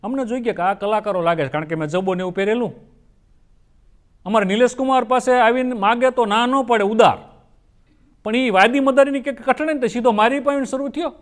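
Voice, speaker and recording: A man's voice: extremely high pitch, fairly quick. A man telling folksy comic stories on stage and acting out his characters' lines. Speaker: folk comedian. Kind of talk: stage comedy storytelling.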